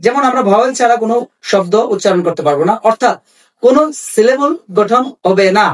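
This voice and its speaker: A man teaching an English lesson. He asks questions and then answers them, and spells out English phrases slowly. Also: high-pitched, recorded from a distance.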